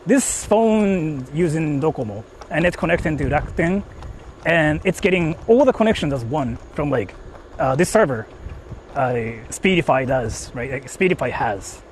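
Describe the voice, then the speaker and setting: This IRL streamer's voice is on the high side and expressive, at a moderate pace. Holding his phone while walking through the countryside, he rambles to his chat about his tech setup with frequent fillers; the audio carries a slight hiss or hum.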